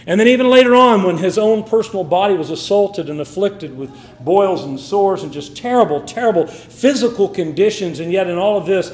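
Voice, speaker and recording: A man's voice: high voice, a little fast, few pauses, reverberant. A man preaching a sermon with emphatic, swinging delivery. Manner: emphatic, rising and falling delivery.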